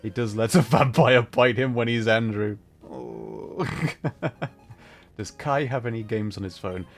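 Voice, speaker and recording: Speaking slowly in a mid-range voice over faint background music, a male livestream host muses as he plays and replies to chat. He laughs readily along the way.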